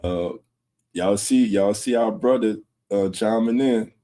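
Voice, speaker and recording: A laid-back man hosts a fan livestream, reading the chat and greeting viewers by name. His voice sits on the low side. He takes his time and often chuckles as he talks. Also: measured pace, dark tone. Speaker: host of a fan sports livestream. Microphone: streaming setup.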